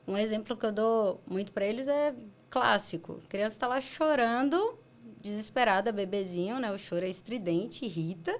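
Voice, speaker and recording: A woman pediatrician with a Brazilian accent, explaining calmly in a casual interview and acting out parents in quick asides. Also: mid-range voice. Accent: Brazilian Portuguese. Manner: animated, acts out parents and children in quick asides. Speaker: pediatrician guest.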